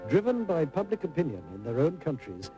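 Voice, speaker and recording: A man's voice: fairly high pitch, very animated, brisk, rough recording. A man reading scripted narration for a historical television documentary. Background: prominent music.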